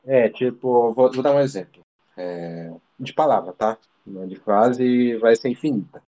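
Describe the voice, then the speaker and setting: Mellow-voiced man telling a rambling story. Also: mid-range voice, normal speed, dull audio. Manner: slangy, rambling, full of fillers and restarts. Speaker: interview guest. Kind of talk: casual storytelling chat. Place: living abroad in Ireland.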